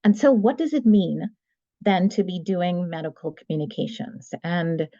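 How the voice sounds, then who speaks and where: Low-voiced woman from Trinidad, muffled call audio. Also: animated, moderate pace, mellow, dry recording. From Trinidad and Tobago. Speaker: guest speaker, medical writer. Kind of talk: webinar presentation. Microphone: video call.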